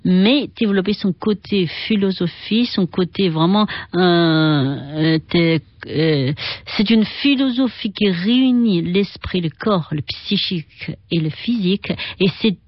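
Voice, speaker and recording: A middle-aged woman from China, with a Chinese accent, speaking as an interview guest who often pauses and searches for words. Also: fairly low pitch, animated, no echo, lo-fi sound. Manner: halting, searching for words with many fillers. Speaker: guest, Qigong and Tai Chi teacher. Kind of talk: radio interview.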